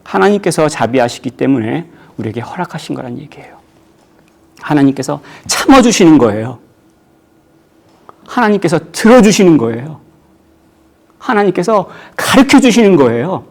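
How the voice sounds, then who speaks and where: A man's voice: a little high, very animated, moderate pace, gravelly, pauses often. Male pastor preaching with rising outbursts. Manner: rhetorical questions, voice jumping up when acting out quotes. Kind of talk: sermon. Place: church.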